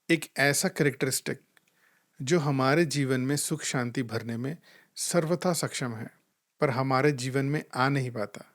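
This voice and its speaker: A man giving a calm, reflective spiritual talk. He tells gentle anecdotes and acts out the voices he quotes. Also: mid-range voice. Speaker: spiritual life coach.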